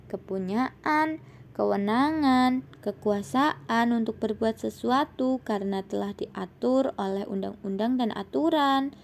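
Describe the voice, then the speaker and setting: A young woman, a university student, presenting a scripted lesson in a steady reading voice that rises on her points. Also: mid-range voice. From Indonesia. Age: young adult.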